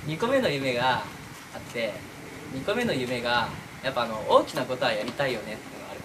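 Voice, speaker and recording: Speaking fast in a mid-range voice, this animated young voice-acting creator chats informally with his viewers and lets out chuckles between phrases. It's recorded on a distant mic, leaving plenty of audible background noise.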